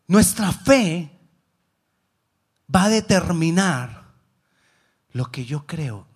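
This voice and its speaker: A man preaching a sermon, swinging between loud exhortation and hushed asides, acting out the voices of biblical characters. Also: on the high side, expressive, drawn-out words, husky.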